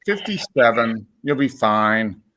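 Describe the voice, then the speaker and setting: Bright, lively man in his fifties. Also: mid-range voice, takes it slowly. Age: 50s. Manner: chatty, works out numbers aloud. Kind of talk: casual banter on a live web show. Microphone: video call.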